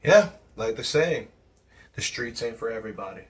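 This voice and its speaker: A man co-hosting a casual podcast, cracking crude jokes and laughing loudly. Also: medium pitch, animated, normal speed. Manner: crude joker, loud laughs. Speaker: podcast co-host. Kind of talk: casual podcast reaction chat.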